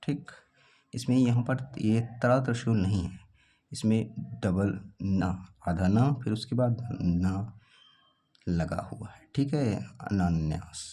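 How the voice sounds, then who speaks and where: A man's voice: fairly low pitch, slow pace, long pauses, mellow. A man teaching an exam practice lesson, sounding out words aloud as he eliminates wrong answers.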